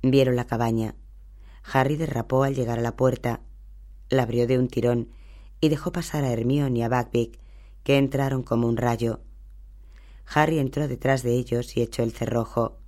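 A man reading a novel aloud as an audiobook narrator, in steady, even storytelling. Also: medium pitch, normal speed, long pauses. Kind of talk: scripted narration.

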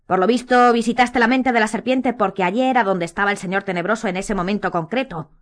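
A woman voicing a cold, stern male wizard teacher in an audiobook, speaking slowly and measuring each word. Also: medium pitch, fairly bright tone, natural voice. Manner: slow and measured, icy.

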